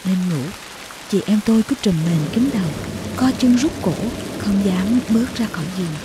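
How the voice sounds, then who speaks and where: A woman reading a heartfelt story aloud as a narrator, slow and tender in her storytelling. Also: mid-range voice, expressive, background noise. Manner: slow, tender storytelling with emotional acted quotes. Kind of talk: scripted audiobook narration.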